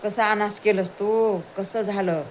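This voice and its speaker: A woman's voice: mid-range voice, fairly even intonation, a little slow, slight background noise, natural voice. A woman voicing a poor brahmin husband who asks anxious, repeated questions. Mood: demanding. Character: poor brahmin husband, hopeful then despairing.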